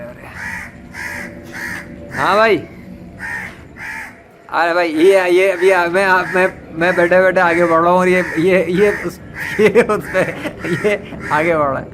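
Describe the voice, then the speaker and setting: Man vlogger, slightly high voice, slow chatty delivery, coaxing a crow; outdoor phone audio with clear background noise. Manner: chatty, playful, coaxing and talking to the bird. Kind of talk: casual vlog, talking to a crow. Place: outdoors near a perched crow, after drizzle. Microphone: phone camera.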